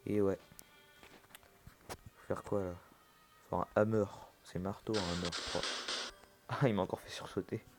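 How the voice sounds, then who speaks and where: A man's voice: low-pitched, steady tone, a little slow, pauses often, music in the background. A man giving casual horror game commentary, reacting aloud like a jumpy, scared streamer and talking to the game as he plays. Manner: talks to the game's objects and characters.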